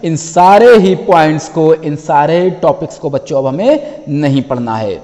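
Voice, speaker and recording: A man with a high voice teaches a syllabus lesson, calling his students children and repeating phrases as he goes. He reads English topic names slowly from a list. His voice trails off in a long reverberant hall. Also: lively intonation, mellow.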